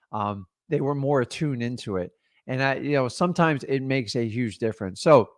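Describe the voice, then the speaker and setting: With a mid-range voice recorded in studio quality and no echo, a middle-aged man gives an energetic coaching talk about real estate deals. He is emphatic, motivational, and direct.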